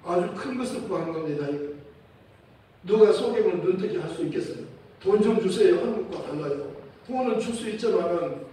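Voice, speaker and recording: A man preaching a sermon as pastor, telling a story with lively acted-out voices and chuckling now and then. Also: high-pitched, brisk, a little hiss or hum. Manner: animated storytelling, acts out quoted voices. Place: church sanctuary. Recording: echoey church hall, mic at a distance.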